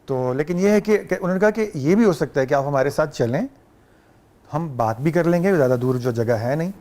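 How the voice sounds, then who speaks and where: A fairly high-voiced man with a Pakistani Urdu accent talks on a talk show as a guest. He tells his stories with animation and breaks into mimicked Arabic phrases now and then. His voice sits a little above the usual male register. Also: lively intonation, dark tone. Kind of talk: casual talk show conversation.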